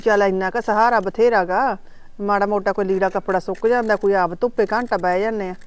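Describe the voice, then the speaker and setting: A woman's voice: mid-range voice, steady tone, a little fast, dry recording, lightly acted. A woman playing a worried middle-aged mother who frets and scolds in homely village talk. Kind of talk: village family drama acting.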